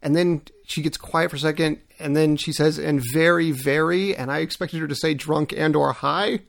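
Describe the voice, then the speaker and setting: A man's voice: a little high, fairly even intonation, moderate pace, creaky. A man co-hosting a podcast, making wry, dry remarks in casual chat. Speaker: podcast co-host.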